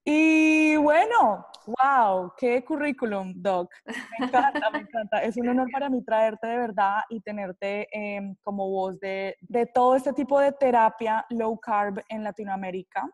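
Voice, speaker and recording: A female podcast host opens her show by enthusiastically reading her guest's bio, then moves on to interview questions. Her voice is fairly high and measured, with no echo.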